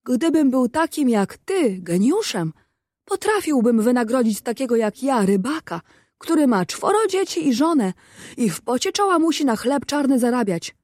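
A woman's voice: sits high, very animated, normal speed, darkish tone, no echo, studio quality. A woman reading as a stern, distrustful fisherman. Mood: reproachful. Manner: reproachful, lecturing. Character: poor clever male fisherman, stern and distrustful. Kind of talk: storybook reading.

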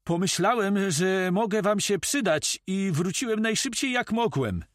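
A man's voice: high-pitched, lively intonation, unhurried, dry recording, studio quality, voice pushed up. A man voicing a strong, loyal male pirate crewman who speaks eagerly and earnestly.

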